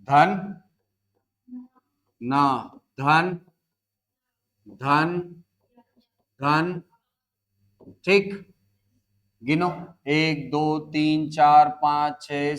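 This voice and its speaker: A man's voice: a little high, fairly bright tone. A male teacher from India giving a classroom lecture, spelling out words and counting aloud step by step, coaxing students along with short prompts.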